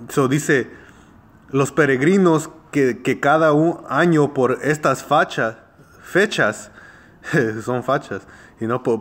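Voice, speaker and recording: A man preaching informally and reading scripture, scolding his listeners, tacking "man" onto his phrases, slipping English fillers into his Spanish, hesitating and restarting often. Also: mid-range voice. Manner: scolding, confrontational tone. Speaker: street-style Bible preacher.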